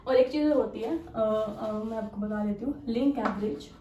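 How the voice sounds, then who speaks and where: A woman's voice: a little high, normal speed, far from the mic, highs cut off. Echoey, off-mic woman teaching chemistry. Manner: explains step by step with frequent rhetorical questions and "theek hai"; mixes English technical terms into her talk. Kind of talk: exam-prep lecture. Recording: echoey room, voice a bit off-mic, faint hiss.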